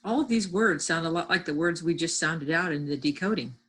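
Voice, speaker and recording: A woman's voice: low-pitched, a little fast, fairly bright tone, breathy edge. A woman teacher giving a lesson from home, patiently sounding out words and encouraging her class.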